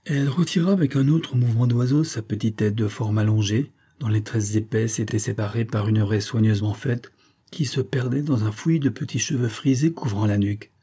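A man reads a classic story aloud at a measured, even pace. His voice is low, mellow and slightly husky. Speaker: audiobook narrator. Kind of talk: scripted literary narration.

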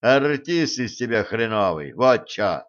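A man's voice: mid-range voice, very animated, measured pace. A man voicing a dry, ironic space pirate captain in an audiobook. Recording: dull lo-fi recording.

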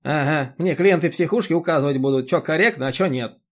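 A man reading an audiobook, voicing a short, stout, rude elderly village chairwoman who scolds and yells. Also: animated, fairly quick. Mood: hostile. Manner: shrill scolding, yelling.

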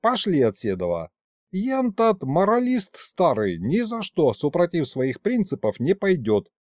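A man's voice: a little high, huge pitch swings, unhurried, a little mellow, dry recording, voice pushed up. A man voicing a cranky, folksy old grandfather who grumbles in rustic speech. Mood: grumbling.

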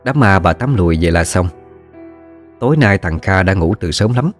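A man narrating a ghost story in a steady, measured storytelling manner. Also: deep voice, soft background music.

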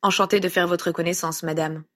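A woman's voice: fairly low pitch, fairly quick, a bit bright, natural voice. A woman reading aloud a sober, courteous senior male officer.

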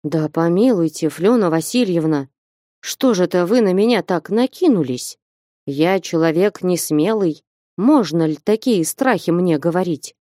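Woman narrator voicing a fearful, plaintive man begging for mercy; warm tone, dry close mic. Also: fairly low pitch, animated, measured pace, dry recording. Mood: pleading. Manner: pleading, plaintive. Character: timid pleading man, nervous and fearful. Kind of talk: audiobook character reading.

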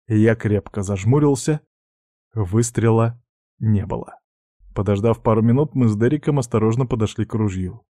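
Dark-voiced male audiobook narrator. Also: fairly low pitch, no echo, studio quality. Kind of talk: audiobook reading.

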